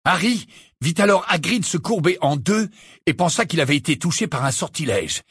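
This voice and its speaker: A man reading an audiobook aloud in an expressive, dramatic way. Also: on the high side, normal speed, husky, no room sound, studio quality. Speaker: audiobook reader. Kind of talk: audiobook narration.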